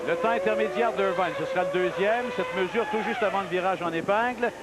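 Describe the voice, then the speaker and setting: A male lead motorsport commentator with a Quebec French accent calls the action live. His excited voice sits very high. Loud engines roar behind him. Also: brisk. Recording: loud race-car engine noise. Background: loud cars at an outdoor race track.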